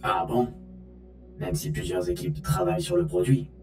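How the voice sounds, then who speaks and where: A man's voice: deep voice, moderate pace, darkish tone, soft background music. A man co-hosting a podcast, reading scripted, playful announcements in a roomy, echoing recording. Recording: roomy echo.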